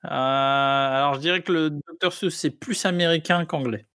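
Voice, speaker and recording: A man's voice: fairly high pitch, pushed and bright, smooth. Amused man co-hosting a film podcast. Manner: amused, quick reactions. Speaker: podcast co-host. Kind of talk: casual film-review podcast chat.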